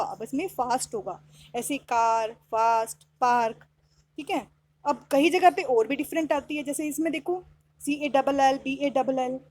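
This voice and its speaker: A woman teaching an English lesson, explaining in Hindi and reading English sentences slowly, spelling out words letter by letter. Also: high voice, darkish tone.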